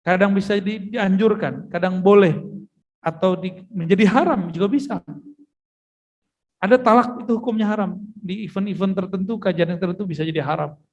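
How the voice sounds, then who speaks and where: A man's voice: high voice, normal speed, long reverb tail, dull audio. A man giving a religious study lecture, telling stories with casual, joking asides to his listeners. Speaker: preacher giving a mosque study session. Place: mosque hall.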